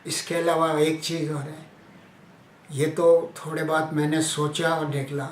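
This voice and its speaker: A man giving an informal spoken lesson, explaining ideas slowly and sounding out letters aloud one by one. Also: a little high, level tone. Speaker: teacher explaining Hindi phonetics. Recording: echoey room with faint ambient noise.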